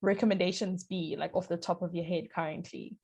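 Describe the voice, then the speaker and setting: A woman's voice: fairly low pitch, steady tone, brisk, mellow, breathy edge. A woman hosting a podcast, introducing and chatting with her guest in an enthusiastic, filler-heavy way. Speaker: podcast host. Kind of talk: casual interview chat.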